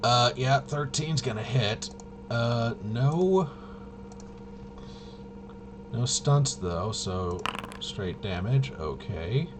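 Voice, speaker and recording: A man demoing a tabletop game mutters through casual commentary, puzzling aloud and second-guessing himself. His mid-range voice is expressive but extremely slow, with frequent pauses, over a clearly noisy background.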